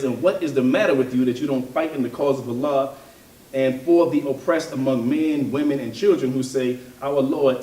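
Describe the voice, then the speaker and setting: A man giving an informal religious and political talk, thoughtful and hesitant, often pausing with fillers and restarting his sentences. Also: mid-range voice, a little mellow. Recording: roomy, from a distance.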